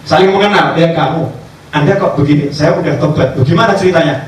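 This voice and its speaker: A man, a religious teacher telling stories in a sermon, acting out dialogue in lively voices. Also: a little high, quick pace. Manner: animated storyteller acting out dialogue. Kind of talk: sermon storytelling. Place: cafe gathering. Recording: echoey distant room recording, faint background noise.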